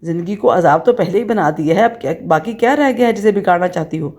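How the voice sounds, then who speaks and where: Woman reading as cold stern husband, curt, low mellow voice, audiobook. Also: animated, close to an everyday voice. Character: stern angry husband, man, middle-aged.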